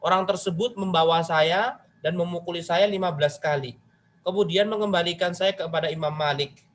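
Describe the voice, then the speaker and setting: A man leads a religious study lesson in a loose, conversational way. His voice sits high, and he keeps turning to his listeners with direct questions while acting out the lines of the story he tells. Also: fairly quick. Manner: chatty, addresses listeners directly with rhetorical questions; retells a story, voicing its figures in quoted lines. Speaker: Islamic religious teacher.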